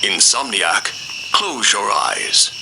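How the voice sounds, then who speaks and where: A man playing a game app narrator who gives deliberate, commanding, dramatic instructions to night-time roles. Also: fairly low pitch, big pitch swings, vocal fry, very noisy, heavily acted. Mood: commanding, solemn. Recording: loud background night ambience with crickets. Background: night ambience, crickets.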